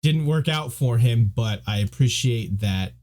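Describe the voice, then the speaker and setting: A man's voice: medium pitch, expressive, measured pace, a little mellow. A man co-hosting a podcast, talking casually and with animation, and mimicking characters when he quotes them. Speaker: podcast co-host.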